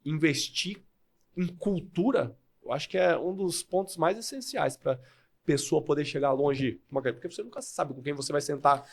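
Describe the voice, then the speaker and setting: A man's voice: a little high, normal speed. Emphatic man with a São Paulo accent. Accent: São Paulo Brazilian Portuguese. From São Paulo, Brazil. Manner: emphatic, lays out points step by step. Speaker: guest, sales manager. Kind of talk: podcast interview.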